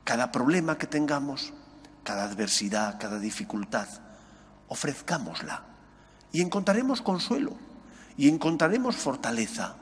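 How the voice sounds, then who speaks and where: Middle-aged priest, husky voice, earnest homily, chapel with long reverb, ambo mic. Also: male voice, mid-range voice, big pitch swings, normal speed. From Spain. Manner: earnest preaching, rising on questions, dropping soft on key words. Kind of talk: gospel reading and homily. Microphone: gooseneck mic on ambo.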